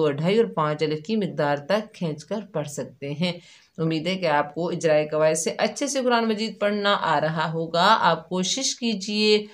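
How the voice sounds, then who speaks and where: A woman teaching Quran reading step by step, calmly explaining each letter and drawing out the demonstrated syllables. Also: on the low side. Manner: patient, drawn-out syllables when demonstrating. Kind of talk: slow step-by-step recitation lesson.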